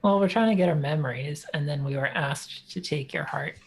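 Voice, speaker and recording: A woman's voice: low voice, brisk, gravelly, slight background noise. A woman playing a tabletop game, casually chatting in and out of character. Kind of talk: casual in-game role-play.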